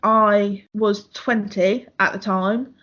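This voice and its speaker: A woman's voice: medium pitch, fairly even intonation, slow pace, a bit bright. A blunt, candid young woman, talking openly on a casual chat podcast in a mid-range voice. She swears freely and tells her story at an easy storytelling pace. The recording is slightly muffled and lo-fi. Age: 20s. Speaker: podcast co-host.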